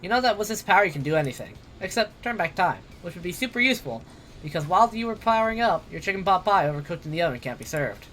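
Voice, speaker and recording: A young man streaming a game, reading the text aloud in an animated, lively voice. His pitch moves around a lot as he goes. A faint hiss of noise runs underneath. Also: fast talker, low-quality recording. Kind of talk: game playthrough with casual chat.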